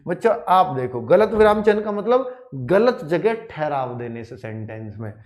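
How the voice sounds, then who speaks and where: Male exam-prep Hindi teacher with a slightly high, very lively voice; keeps calling the class children and asking if they follow. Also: normal speed. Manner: animated, addresses students as children, repeats and asks checking questions. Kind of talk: classroom lecture to exam students.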